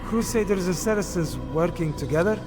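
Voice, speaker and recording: A man's voice: high-pitched, a little fast, music in the background, close to an everyday voice. An actor playing a wary, earnest male medieval assassin in a video game, formal and cautioning. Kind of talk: dramatic video game acting.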